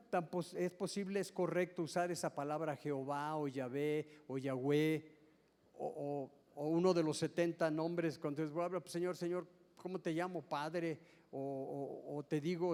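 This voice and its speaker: High-voiced pastor preaching in a hall. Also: male voice, a little mellow. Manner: explanatory, asks the congregation questions; repeats and restarts words often. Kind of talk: sermon. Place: church service hall.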